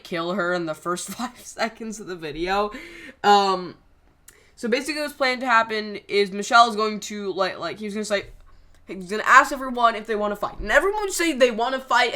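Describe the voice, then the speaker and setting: A channel creator rambles casually through behind-the-scenes commentary about scrapped plans, full of fillers and self-corrections. The voice is medium-pitched, pushed and bright.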